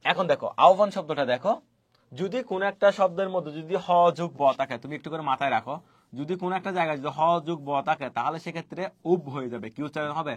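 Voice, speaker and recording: In a fast online lesson on pronunciation rules, a man with a fairly high voice talks quickly, repeating each point and quizzing his students. There's no echo.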